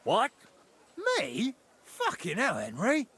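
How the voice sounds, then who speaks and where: An actor playing a hot-tempered soldier corporal accused of murder, defiant and swearing in a video game. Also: male voice, high voice, wildly swooping pitch, slow pace, full character voice. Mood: indignant. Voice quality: gravelly, hoarse-edged shouting.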